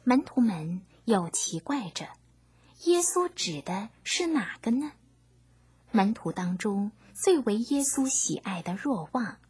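Woman narrator, gentle half-whispered scripted reading, breathy, lively pitch. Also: no room sound.

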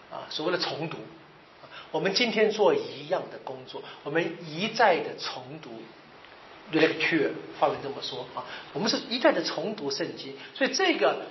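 Guy lecturing on the bible, kinda high voice, chatty, keeps asking the room "right?", echoey muffled recording. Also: a little hiss or hum. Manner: conversational, often checks in with the audience with rhetorical questions; ends phrases with drawn-out particles. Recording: roomy, slightly dull recording.

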